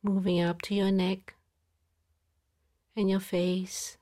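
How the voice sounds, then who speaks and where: In this body-scan relaxation, a woman guide keeps a soft, calm tone at medium pitch, now and then dropping to a whisper, with long pauses between phrases.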